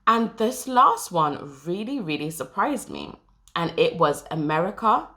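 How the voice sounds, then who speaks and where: A woman's voice: fairly low pitch, big pitch swings, a little slow, bright, forceful tone. A young woman from Jamaica talking casually to camera as a vlogger, explaining step by step and reading from notes.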